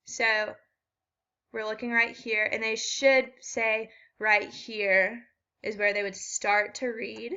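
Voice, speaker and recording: A woman's voice: fairly high pitch, level tone, takes it slowly, bright, forceful tone, clear, resonant tone, highs cut off. A woman walking through a children's reading assessment step by step, with frequent ums. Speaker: student teacher explaining an assessment.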